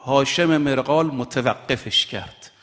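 A man preaching a sermon, swinging from hushed storytelling to raised, emphatic exhortation and chanting scripture quotations slowly. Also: mid-range voice. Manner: chants Arabic quotations in a slow, drawn-out voice. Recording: long reverb of a large hall.

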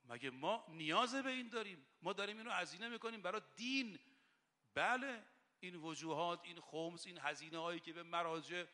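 A man preaching a religious sermon as a cleric, rising from soft explanation to loud, impassioned delivery. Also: high-pitched, big-room sound.

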